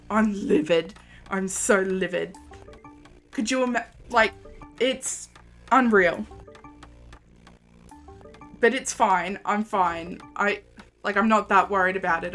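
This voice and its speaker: Slow-talking young woman streamer. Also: medium pitch, fairly bright tone. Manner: chatty, rambling, many fillers and laughs. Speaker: game streamer chatting with viewers. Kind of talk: casual live-stream chat.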